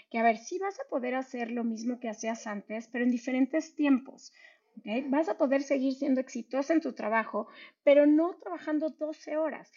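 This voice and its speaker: A woman's voice: fairly high pitch, a little mellow, lo-fi sound. A woman, a mental health specialist explaining earnestly in an interview, with many fillers and restarts.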